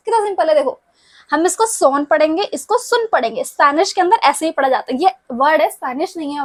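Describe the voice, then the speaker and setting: Woman teacher, high voice, dry close sound, patient step-by-step explaining, checks understanding. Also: dry recording. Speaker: language teacher. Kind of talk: recorded language lesson.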